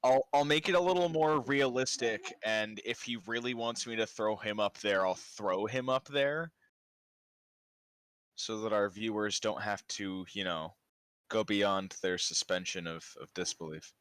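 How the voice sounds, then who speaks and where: A man's voice: fairly low pitch, unhurried, a bit bright, smooth, dry recording. A man playing in an online tabletop game, playfully describing his character's wild moves. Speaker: player. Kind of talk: casual tabletop play.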